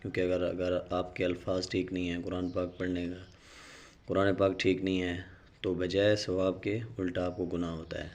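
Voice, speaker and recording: Low-voiced man teaching Quran reading. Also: level tone, darkish tone. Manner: explains rules quickly, then recites syllables slowly and drawn out. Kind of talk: Noorani Qaida reading lesson.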